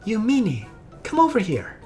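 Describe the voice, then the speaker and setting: A woman voicing an excitable young female mage who scolds, whines and gets flustered, reading game dialogue aloud. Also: medium pitch, normal speed, faint music behind, pitched above the performer's own voice. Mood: scolding. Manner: whiny, scolding, easily flustered.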